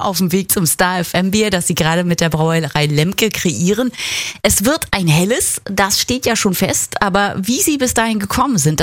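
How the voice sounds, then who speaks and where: A woman's voice: mid-range voice, no room sound, studio quality. A woman presenting on the radio, chatty and upbeat, speaking straight to her listeners. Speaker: radio host. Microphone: studio microphone.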